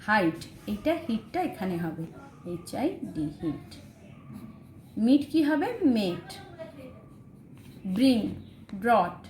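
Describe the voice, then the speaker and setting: Lively Bengali-accented woman teaching English. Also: mid-range voice. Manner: reads English sentences slowly, then translates. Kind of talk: textbook lesson explaining English words. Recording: roomy echo, faint background noise.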